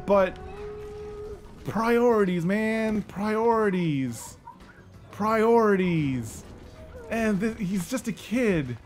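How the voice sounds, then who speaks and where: Man, thirties, high-pitched voice, informal back-in-my-day rant, tired but earnest, hammers points by repetition, faint music behind. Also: slow, long pauses, a little mellow. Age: 30s. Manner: emphatic repetition for stress. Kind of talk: casual off-the-cuff rant.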